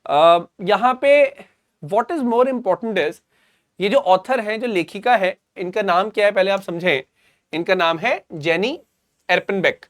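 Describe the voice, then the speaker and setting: A man's voice: sits high, no echo, studio quality. A man with an Indian accent teaching current affairs for exam preparation, explaining simply and mixing English phrases into Hindi while repeating key points. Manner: calls students "beta".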